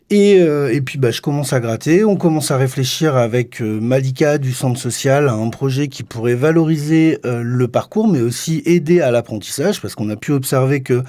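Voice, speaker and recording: Mellow-voiced man in a radio studio. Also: mid-range voice, no echo. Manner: rambling with many fillers and restarts. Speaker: association coordinator, guest. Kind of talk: radio interview.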